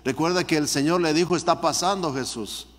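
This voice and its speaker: A male pastor leading a Bible study, reading scripture and commenting on it while often calling listeners "brother", his voice rising high and loud at the emotional peaks. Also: fairly quick. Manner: reads scripture aloud, then comments, often addressing listeners as "hermano"; voice rises sharply in pitch and loudness when repeating the cry for mercy. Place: church. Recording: long church hall reverb.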